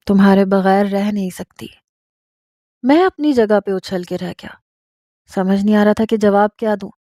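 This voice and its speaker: A woman narrating a first-person romantic story in a steady, scripted reading style. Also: medium pitch, no echo, studio quality.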